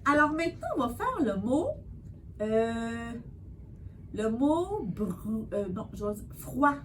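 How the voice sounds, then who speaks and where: A woman tutoring a child in spelling, patient and encouraging, sounding out words slowly. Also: fairly high pitch, big pitch swings, slight background noise. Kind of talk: one-on-one spelling lesson.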